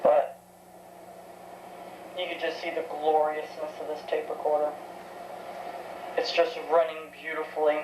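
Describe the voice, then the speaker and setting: With a deep, monotone voice and a measured pace full of pauses, a seventeen-year-old hobbyist casually demos a vintage tape recorder. She thinks aloud hesitantly, unscripted. Echo fills the room, and faint background noise lingers.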